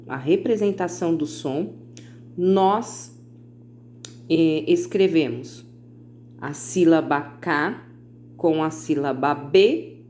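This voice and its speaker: A woman teacher recording a video lesson for children, with patient explanations and slowly stretched-out example words. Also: fairly low pitch, darkish tone, slight background noise.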